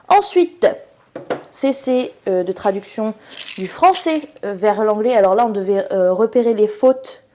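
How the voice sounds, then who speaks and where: A woman's voice: mid-range voice, warm tone. A tired young woman from France chatting casually to camera in her student vlog, self-mocking and laughing often. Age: young adult. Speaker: student vlogger.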